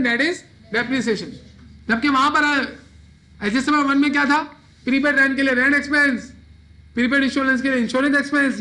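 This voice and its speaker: In a classroom lecture, a male accounting lecturer teaches his class in a very high, bright voice with a forceful tone. He asks his students questions and then answers them himself.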